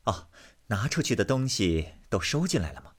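A man's voice: fairly low pitch, very animated, normal speed, breathy edge. A man voicing a shrewd sarcastic noblewoman. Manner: cold, sarcastic. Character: shrewd jealous noblewoman, sharp-tongued.

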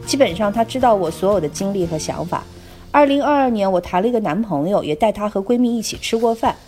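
Woman podcast co-host reading a listener's letter aloud in a plain, steady, mid-pitched voice, with faint music behind. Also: fast talker.

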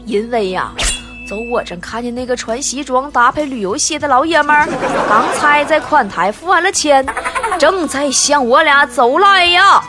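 A woman's voice: sits high, expressive, moderate pace, a crowd in the background, pitched below the performer's own voice. A woman voicing a handsome male bowl of millet porridge, a brash yet bashful suitor in a comic story, with a blunt, folksy Northeastern Chinese accent. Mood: nervous. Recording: music and audience noise behind.

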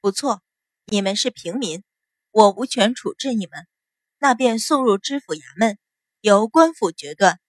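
A woman's voice: medium pitch, lively intonation, unhurried, dry recording, studio quality. A woman as an icy, imperious young noblewoman. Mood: cold. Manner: icy, commanding, scornful.

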